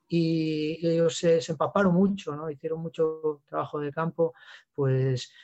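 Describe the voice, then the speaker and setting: A man with an Asturian accent, a guest on an interview, telling lively anecdotes with many halting restarts. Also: on the high side, lo-fi sound. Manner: animated storyteller, halting restarts, acts out voices in anecdotes. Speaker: actor and writer, guest. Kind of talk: casual interview chat.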